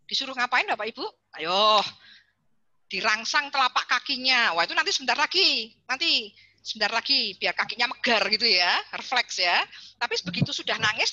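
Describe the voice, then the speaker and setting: A woman giving an online parenting seminar, chatty and lively, calling on parents by name over a video call. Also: a little high, dry recording, highs cut off. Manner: lively, chatty, addresses parents and reads chat names.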